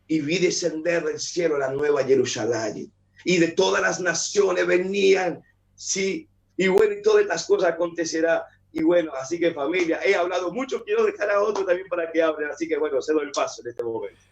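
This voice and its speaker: A man's voice: fairly high pitch, fairly quick, gravelly. A man with an Argentine accent giving an emphatic live religious talk as a guest speaker. He repeats his key phrases for emphasis. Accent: Argentine Spanish.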